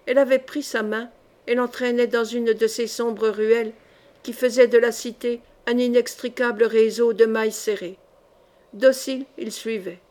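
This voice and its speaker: A woman reading a historical novel aloud as an audiobook narrator, in a measured, expressive manner. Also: on the high side. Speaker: audiobook reader.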